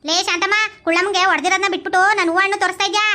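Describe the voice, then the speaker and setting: A woman acting a meddling old village grandmother in a comedy skit, with a Mandya Kannada accent and a shrill, stirring-up manner. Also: fairly even intonation, sharp tone. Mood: scheming. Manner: shrill, rapid, egging others on.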